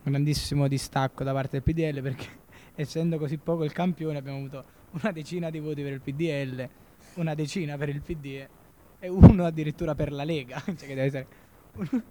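A man's voice: fairly high pitch, steady tone, fairly quick, dark tone, a little hiss or hum. A male guest in casual comic chat, chuckling and rambling, his voice electronically altered to hide who he is. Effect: electronically altered voice to hide identity.

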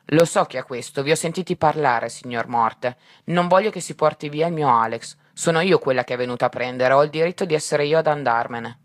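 A man reading aloud and voicing an old, stubborn, devoted wife, raised higher. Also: a little fast, few pauses, no echo, clean studio sound, natural voice. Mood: insistent.

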